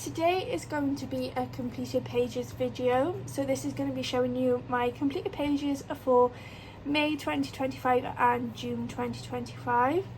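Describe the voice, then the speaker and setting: A woman's voice: high voice, steady tone, measured pace, darkish tone, rough recording. A British woman chatting casually as the host of a colouring vlog. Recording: clear fan noise behind voice. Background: electric fan.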